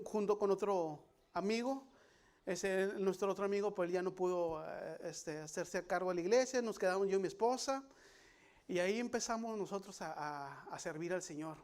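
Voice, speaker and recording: A man's voice: high voice, darkish tone. A middle-aged man, a pastor giving a confessional testimony sermon, full of fillers, restarts and appeals to his brothers. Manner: halting, with many fillers and restarts; confessional, addresses listeners as brothers.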